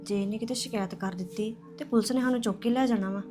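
An actress playing an anxious young daughter who frets and pleads. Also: female voice, fairly high pitch, steady tone, fast talker, over music, lightly acted. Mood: worried. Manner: fretful, pleading. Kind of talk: web drama acting.

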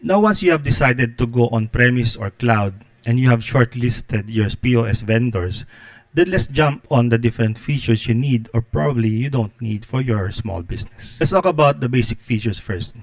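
A man in his thirties talks through a prepared tutorial in a measured, explanatory voice. He sits close to a podcast microphone in a small home studio. The sound is dry, with almost no room echo. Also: medium pitch. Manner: steady explanatory delivery, occasional filler. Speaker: host, business consultant. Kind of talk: scripted tutorial narration. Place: home studio with guitars on the wall. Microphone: close podcast mic in frame.

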